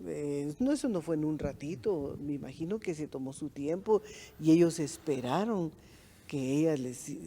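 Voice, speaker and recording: Middle-aged Guatemalan church woman, warm mellow voice, affirming conversational teaching. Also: sits low, slightly rough. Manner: affirming, frequent amens and agreement. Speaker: pastor's wife, co-host.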